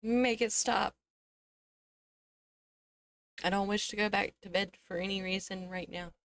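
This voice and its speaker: A woman's voice: medium pitch, measured pace, dry recording, studio quality. A woman streaming a game, sleepy and yawning as she chats casually with viewers, laughing often. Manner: relaxed, chatty, laughs often. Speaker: VTuber streamer.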